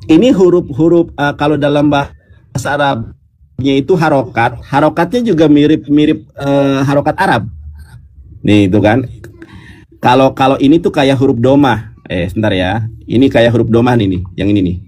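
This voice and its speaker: A man's voice: mid-range voice, moderate pace, darkish tone. Patient man explaining verses. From West Java (Sundanese). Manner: patient, teacherly, reads scripture in a sung intonation. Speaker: speaker explaining scripture. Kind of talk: online discussion call. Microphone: detached sound card, quiet input.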